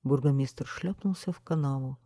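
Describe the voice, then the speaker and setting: A woman narrating a children's storybook in a lively, expressive way on a close mic. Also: extremely low pitch, moderate pace, no echo. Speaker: audiobook narrator.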